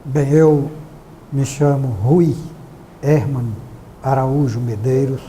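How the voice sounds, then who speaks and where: A man, giving formal, measured testimony about past events. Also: mid-range voice, fairly even intonation, dark tone, a little hiss or hum, low-quality recording. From Bahia, Brazil. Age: 60s.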